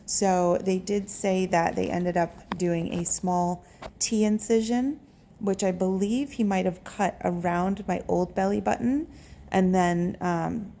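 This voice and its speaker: A woman giving a casual vlog update, talking haltingly and pausing to search for words. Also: on the low side, steady tone, warm tone. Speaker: patient recording a recovery vlog. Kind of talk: casual update talk to camera. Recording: faint background room noise.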